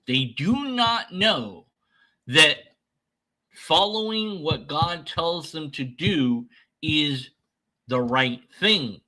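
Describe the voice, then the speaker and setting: A man giving unscripted reaction commentary in a sardonic, dismissive manner with deliberate, emphatic phrasing. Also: on the high side, bright, forceful tone, poor audio. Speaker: commentator debunking another person's video.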